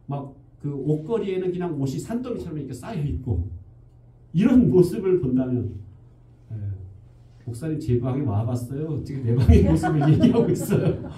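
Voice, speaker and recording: A man's voice: a little high, mellow. A male pastor giving a conversational sermon in a church, explaining with everyday examples. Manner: conversational preaching with everyday examples and acted quotes. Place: church sanctuary. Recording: roomy church hall, distant mic.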